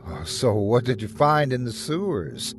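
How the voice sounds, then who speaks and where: Man acting a rattled homeowner, very lively pitch. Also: measured pace, faint music behind. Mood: strained. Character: rattled, frustrated male homeowner, straining to stay polite. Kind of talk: acted dialogue in a narrated horror story.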